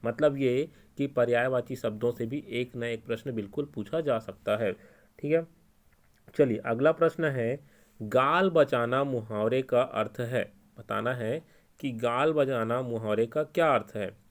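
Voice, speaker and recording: A man's voice: mid-range voice, unhurried. Casting: man, Chhattisgarhi Hindi accent, exam-prep teacher, patient and repetitive. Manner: explains step by step, repeating key answers.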